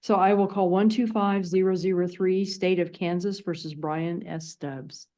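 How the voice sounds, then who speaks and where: Female presiding judge, lowish mellow voice, orderly procedural delivery. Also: steady tone, normal speed. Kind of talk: procedural courtroom remarks.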